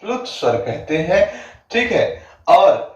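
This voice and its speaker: A man teaching an exam-prep grammar lesson. He asks the class questions, answers them himself, repeats definitions slowly with drawn-out words and keeps saying "ठीक है". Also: high voice, sing-song. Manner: fills gaps with "ठीक है". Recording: echoey, distant, dull lo-fi room sound.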